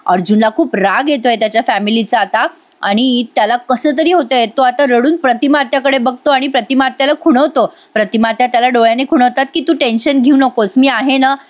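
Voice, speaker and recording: A woman giving a lively voice-over recap of a TV serial episode, addressing her viewers. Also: a little high, brisk. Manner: lively storytelling, addresses the audience. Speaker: TV serial reviewer.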